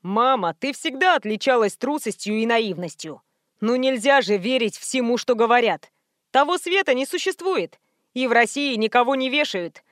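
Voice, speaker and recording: A woman's voice: fairly high pitch, animated, moderate pace, fairly bright tone, no room sound, studio quality. A woman reading an audiobook voices a boastful, cold teenage boy who is a killer, speaking smugly and with cheerful callousness.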